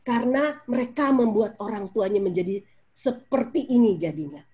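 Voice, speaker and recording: Expressive high-voiced middle-aged woman. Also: normal speed. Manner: expressive, acts out scolding parent in high voice, mixes English phrases. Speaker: guest speaker on parenting. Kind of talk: animated talk-show explanation.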